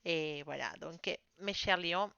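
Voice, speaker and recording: Une femme non née en France, avec un accent, fait une lecture de tarot sur un ton amical et hésitant, avec beaucoup d'hésitations. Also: female voice, on the low side, measured pace, vocal fry, bright, forceful tone, clear, resonant tone, no room sound. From outside France. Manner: apologetic, friendly, hesitant with many fillers. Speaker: tarot reader. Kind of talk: casual tarot reading to camera. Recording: slightly dull lo-fi sound.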